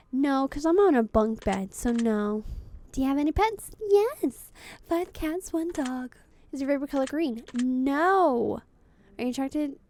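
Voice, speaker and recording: A woman's voice: sits high, a little mellow. A young woman streaming a game, chatting casually, bluntly and with free swearing as she answers questions. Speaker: VTuber streamer. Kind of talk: casual gameplay commentary.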